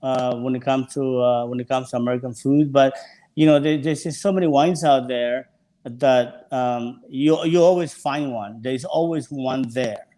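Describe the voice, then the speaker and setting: A man's voice: medium pitch, steady tone, moderate pace, warm tone. A man from El Salvador, a sommelier guest talking casually and searching for his words. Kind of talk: casual interview chat.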